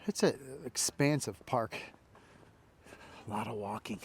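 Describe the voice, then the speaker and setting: A man's voice: lowish voice, a little slow, gravelly, a little hiss or hum. A man from Indianapolis, rambling casually in a walk-and-talk vlog while strolling outdoors in a large park. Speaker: vlogger.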